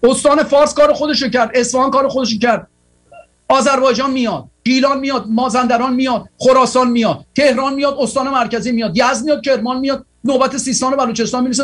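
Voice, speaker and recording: A man's voice: very high-pitched, fairly bright tone. A tired man hosting a political broadcast, giving a fervent, rallying monologue full of repeated exhortations.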